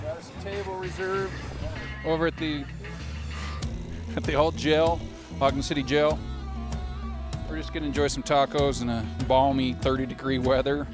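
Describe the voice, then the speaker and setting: A man hosting a casual food vlog outdoors, trading deadpan jokes in a playful, mock-newscaster way. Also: on the high side, normal speed, long pauses. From Utah. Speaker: vlog host. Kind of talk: joking casual commentary. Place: outdoors at street taco stands. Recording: music playing behind.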